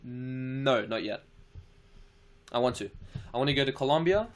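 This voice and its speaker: At a medium pitch and normal speed, this young man speaks with an Australian accent. He answers viewers' questions on a live stream, keeping it casual, slangy and relaxed, swearing now and then.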